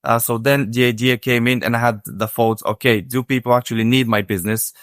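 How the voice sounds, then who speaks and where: A man from Bulgaria, Bulgarian his first language, calmly answering as a podcast guest and explaining his work with many "uh" fillers. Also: mid-range voice, brisk, dry recording, studio quality. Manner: steady, methodical, many "uh" fillers. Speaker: podcast guest, hospitality consultant. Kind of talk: casual interview answer.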